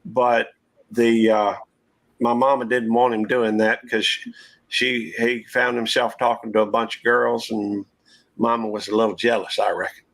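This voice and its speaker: A man's voice: medium pitch, level tone, normal speed, fairly bright tone. A man, hosting a casual live-stream panel chat in a folksy, rambling drawl. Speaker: channel host.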